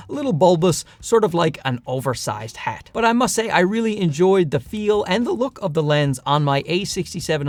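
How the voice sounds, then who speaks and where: A man's voice: fairly high pitch, dry recording. A man with a light, leprechaun-like voice gives a chatty, enthusiastic product review with dry, self-deprecating asides. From Newfoundland, Canada. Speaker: camera gear reviewer. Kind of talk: casual product review to camera.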